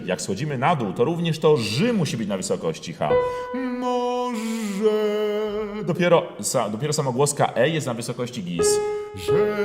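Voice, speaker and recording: A man giving a singing lesson, talking through phrases slowly with many pauses and fillers, and singing parts of them out in full voice. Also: medium pitch. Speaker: voice teacher. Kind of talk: singing lesson with sung demonstrations. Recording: roomy hall with long reverb.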